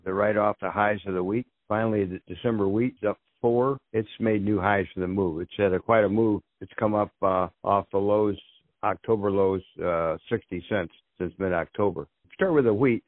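A man giving grain market commentary over the phone, halting and filling his pauses with uh. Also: lowish voice, dry recording. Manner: halting, with many uh fillers and restarts. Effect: heard over the phone. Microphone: telephone. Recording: tinny, dry phone line.

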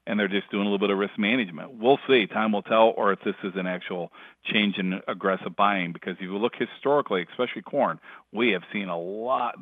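Man, fast-talking, low voice, phone line, dry, market commentary. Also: no room sound. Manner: brisk, repeats himself and restarts. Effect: over the phone. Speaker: market analyst.

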